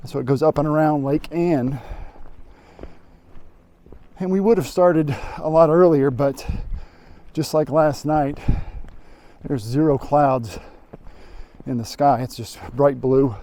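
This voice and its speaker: A man's voice: fairly high pitch, steady tone, slow, pauses often, dark tone. A man, a landscape photographer, talking casually outdoors on a mountain trail, frank and self-critical as he gives tips. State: out of breath.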